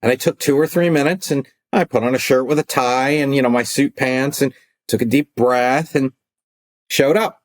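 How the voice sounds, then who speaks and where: Man, middle-aged, attorney coach, animated storyteller, casual interview talk. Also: medium pitch, moderate pace. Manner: animated, acts out phone calls and arguments.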